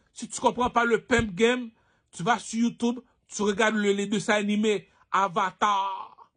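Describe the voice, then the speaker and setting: Man from Haiti, high-pitched, rambling preachy monologue, keeps asking the listener questions. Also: fairly bright tone. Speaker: online personality.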